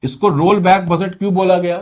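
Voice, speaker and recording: A man's voice: high-pitched, fairly even intonation, a little fast, darkish tone. A man giving an exam-prep lecture, often repeating key points and quizzing his students while mixing English terms into Hindi. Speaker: teacher.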